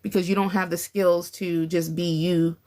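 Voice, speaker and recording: A woman in her forties talking casually and warmly encouraging others on a faith-based podcast, often laughing between thoughts. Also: lowish voice, little pitch movement, normal speed. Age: 40s. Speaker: podcast speaker.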